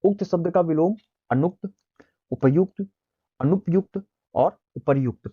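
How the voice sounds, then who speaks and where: A man's voice: fairly high pitch, unhurried, slightly rough, narrow, tinny audio. A man teaching an exam-prep language lesson, reading out answer options one by one and then explaining which is correct.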